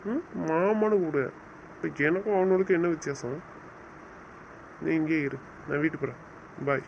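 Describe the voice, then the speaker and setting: A man's voice: fairly high pitch, a little mellow, lightly acted. A man playing a stern but loving young husband who lectures and then coaxes, in an audio drama recorded on a dull lo-fi track. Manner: scolding, lecturing, then coaxing. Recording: dull lo-fi recording with faint noise.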